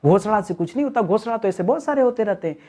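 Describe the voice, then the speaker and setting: A man's voice: sits high, lively intonation, fast, darkish tone. A man teaching a Hindi grammar lesson in a chatty, teasing way, asking questions and answering them himself. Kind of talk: online exam-prep lesson.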